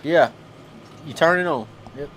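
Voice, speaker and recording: A man announcing catches at an outdoor fishing weigh-in, loud and chatty. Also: on the high side, a little slow, crowd noise, noisy background. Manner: loud, chatty, coaching others. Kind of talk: live weigh-in commentary.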